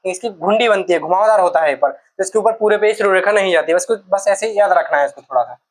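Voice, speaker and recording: A woman's voice: medium pitch, fast, rough recording. Patient woman teaching Hindi letters. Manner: patient, repeats each sound and asks the class questions. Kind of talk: exam-prep lesson.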